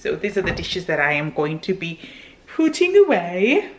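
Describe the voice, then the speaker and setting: A Zimbabwean vlogger in her thirties chats casually to camera while tidying her home kitchen, speaking with a Zimbabwean accent at a moderate pace in a fairly low voice with big pitch swings. She's chatty and laughs easily. The camera sits on the counter at medium distance, and the kitchen sounds echoey with faint noise.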